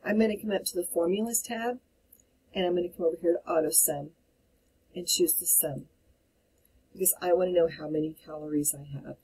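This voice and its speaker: A woman calmly explaining a spreadsheet task step by step as an instructor, in a screen-recorded tutorial. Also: fairly low pitch, brisk, long pauses, breathy edge, low-quality recording.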